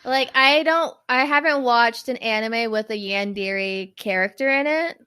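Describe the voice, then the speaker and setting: At a measured pace, this podcast co-host speaks in a slightly high, bright, forceful and smooth voice. She retells a true crime case casually, rambling with plenty of "like"s and tripping on longer words. She's a New Yorker whose first language is Spanish.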